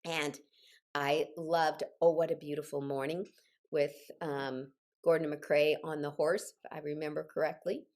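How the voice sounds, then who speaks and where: This older woman's voice is low and darkish, level in tone and at normal speed. Getting over a cold, she acts as choir leader and singing instructor on a video call, instructing her group encouragingly and with authority while adding personal asides.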